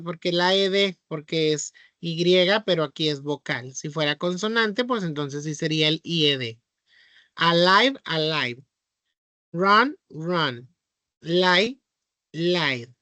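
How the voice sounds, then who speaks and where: Slow, patient Mexican teacher. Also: male voice, high-pitched, pushed and bright, no room sound. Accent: Mexican Spanish. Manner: patient, explanatory, checks with frequent "¿sí?". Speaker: English teacher. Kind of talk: online class review.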